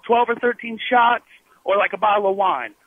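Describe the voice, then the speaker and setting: A man calling in to a radio show on an old flip phone, friendly and explaining in quick, hesitant bursts. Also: sits high, no echo. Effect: old flip phone call. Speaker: caller. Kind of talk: casual call-in chat. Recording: tinny phone line.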